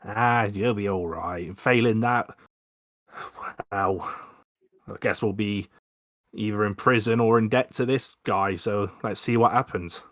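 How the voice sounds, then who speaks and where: A man's voice: on the low side, unhurried, long pauses, a bit bright, no room sound, clean studio sound. A man voicing a cheerful, easygoing adventurer in a put-on Cockney accent during a tabletop game. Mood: breezy. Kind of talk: tabletop role-play voice.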